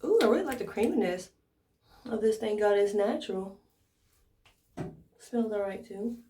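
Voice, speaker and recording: An American hair care vlogger talks expressively at normal speed, her mid-range voice warm, as she casually walks viewers through an informal tutorial and thinks aloud. The audio carries a little hiss or hum, plus roomy echo from a distant mic.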